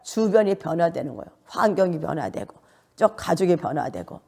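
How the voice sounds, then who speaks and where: A middle-aged woman pastor delivering a sermon in a low, gravelly voice with a mellow, dark tone. She keeps asking her congregation rhetorical questions. She also leaps suddenly into high notes for emphasis. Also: very animated, fairly quick.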